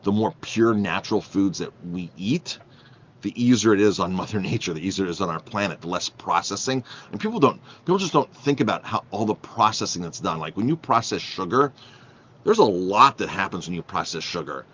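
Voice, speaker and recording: A man's voice: deep voice, expressive, fairly quick, fairly bright tone, breathy edge. A man who is a chef and restaurant owner, talking casually and emphatically to the camera, repeating phrases and restarting often. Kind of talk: casual vlog talk.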